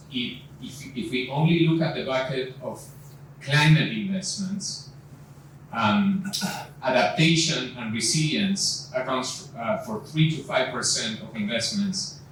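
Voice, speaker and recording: A man moderates a live panel at an event venue, speaking unhurriedly with plenty of fillers and restarts. His medium-pitched voice is expressive and fairly bright, recorded far from the mic in an echoey room with faint noise.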